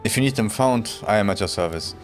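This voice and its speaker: A man's voice: on the low side, fast, soft background music. Wry gaming streamer man. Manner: wry, reads player lines aloud. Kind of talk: casual let's-play commentary.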